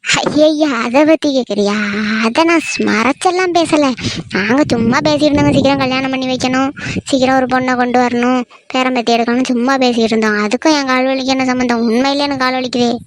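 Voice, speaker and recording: A woman voicing a sharp-tongued village mother in a cartoon who grumbles and scolds. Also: high-pitched, fairly even intonation, fast, noisy background, lightly acted. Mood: defensive. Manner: grumbling, scolding, talks to herself. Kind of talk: cartoon voice acting.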